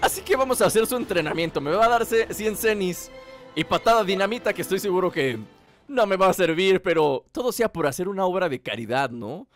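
A man's voice: high-pitched, animated, a little fast, soft background music. A man giving playful, teasing gameplay commentary, swearing casually. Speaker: gaming channel host.

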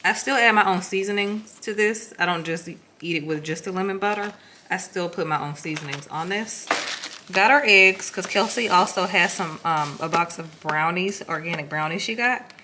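In her home kitchen, a young woman vlogger talks casually to her viewers in a lowish voice at normal speed. She's upbeat, friendly and enthusiastic, her speech packed with "like" and "um," with some background noise.

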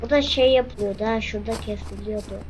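A woman's voice: medium pitch, brisk, darkish tone. A young woman giving casual, slangy commentary while playing a game, exclaiming and teasing as she goes. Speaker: gameplay streamer. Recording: noisy background.

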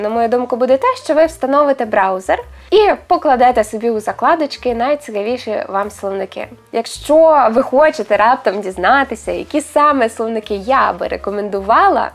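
A young woman with a Western Ukrainian accent talks in a high, light voice. She is a linguist fielding viewer questions in a casual vlog. Her delivery is chatty and self-ironic. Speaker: linguist vlogger.

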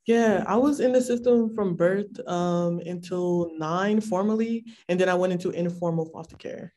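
A woman in her twenties from California, speaking as an interview guest over a video call in an articulate, measured and earnest way. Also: on the low side, mellow. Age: 20s. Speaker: policy intern, advocate.

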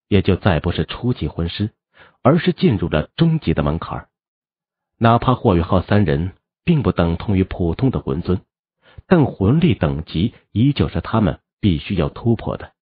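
Male narrator, low, lively, husky, dry close recording, lo-fi. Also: dry recording. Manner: animated storytelling. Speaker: audiobook narrator. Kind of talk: expressive novel narration.

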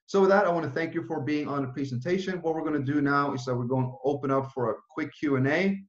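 A man's voice: on the high side, fast talker. A man in his thirties from Norway giving an online business presentation from a small room, talking casually with many fillers and restarts. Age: 30s. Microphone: webcam video call. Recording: roomy, dull lo-fi webcam sound.

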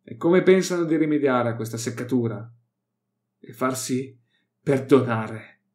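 A man's voice: mid-range voice, animated, a little slow, darkish tone, natural voice. A man voicing a worried, stern male inquisitor companion who speaks tensely and stammers at times.

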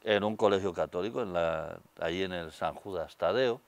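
A man's voice: low-pitched, normal speed, gravelly, no room sound. An older man with a Spanish accent from Spain, a guest telling stories in a studio interview, on a lapel mic. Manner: storytelling, gestures with hands, many fillers. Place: TV studio set.

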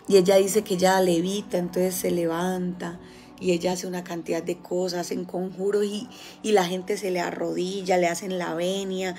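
A woman with a Colombian accent giving a casual spiritual talk, telling stories with lively, acted-out quotes. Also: fairly low pitch. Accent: Colombian Spanish. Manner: animated storytelling, acting out quoted voices. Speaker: spiritual healer.

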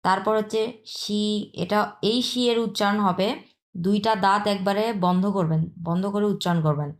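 Woman teaching pronunciation. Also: medium pitch. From China. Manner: patient, repeats sounds slowly, asks "হ্যাঁ?" often. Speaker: Chinese language teacher. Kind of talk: explaining pronunciation lesson.

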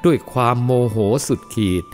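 A man reading a first-person moral story aloud as the storyteller, in a steady, measured way. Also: soft background music.

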